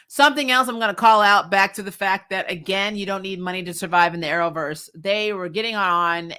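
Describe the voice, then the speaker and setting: On the low side with a sharp tone, this woman's voice carries her casual, opinionated livestream reviews as a recap-stream host. She's blunt, sarcastic and emphatic, curses freely and sounds fed up.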